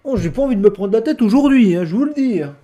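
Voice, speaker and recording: Raging male gamer, high animated voice. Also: quick pace. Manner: raging gamer, swearing and exasperated. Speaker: gaming video host. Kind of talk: heated gameplay commentary, casual slang.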